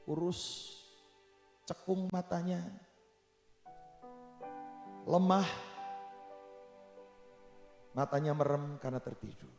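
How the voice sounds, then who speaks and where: A man's voice: a little high, slow pace, creaky, pauses often. A man preaching a sermon, telling a story with emphasis and calling to his listeners in a church. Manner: emphatic, addresses the audience as brothers and sisters. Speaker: pastor. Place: church sanctuary. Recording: echoey church hall with soft music.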